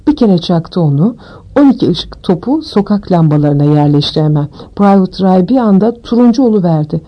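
A woman narrating an audiobook with steady, expressive storytelling. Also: lowish voice, muffled recording.

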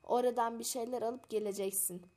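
An ill village father, worn out and impatient, scolding his son in a storybook reading, as a woman reads his lines. He sighs with exasperation between orders, pitched a touch high. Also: steady tone, brisk, dark tone, close to an everyday voice. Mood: exasperated.

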